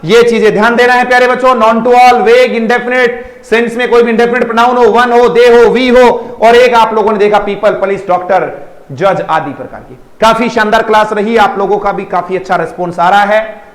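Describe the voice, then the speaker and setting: A man with a high, steady voice at a moderate pace leads an online English class, using emphatic repetition to drill pronunciation while fondly checking in with students through questions. The sound is roomy and the recording rough.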